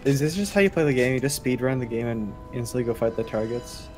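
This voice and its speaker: A man's voice: medium pitch, lively intonation, fast talker. A man co-commentating a game let's play with dry, teasing remarks. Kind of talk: casual gameplay chat. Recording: loud game music behind.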